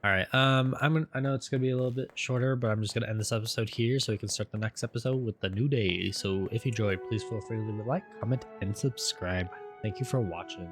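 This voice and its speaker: A man hosting a let's play, chatting loosely over his gameplay with a somewhat low voice. He rambles and trips over his words now and then, and jokes about it as he goes. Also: fast talker, few pauses, music in the background. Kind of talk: casual gameplay commentary.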